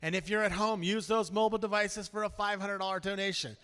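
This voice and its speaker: A man emceeing a live charity auction, calling levels of giving and paddle numbers with lots of energy. His voice is high and bright with a smooth, crisp edge. It rings out with the long reverb of a large event hall. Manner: energetic, rattles off bid numbers in a rapid auctioneer chant.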